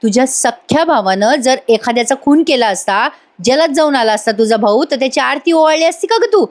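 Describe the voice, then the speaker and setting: A scheming older village aunt, put on by a woman retelling a serial, who wheedles and pleads. The voice sits a little high, and the manner is pushy and rural. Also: animated, brisk. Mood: urgent.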